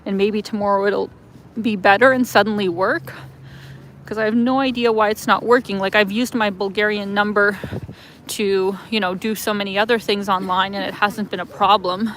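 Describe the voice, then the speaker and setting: Walking city streets on a live phone stream, this Canadian-accented travel vlogger chats in a rambling way full of fillers. She speaks at a moderate pace in a mid-range, slightly bright voice with fairly even intonation, and there's a little background noise.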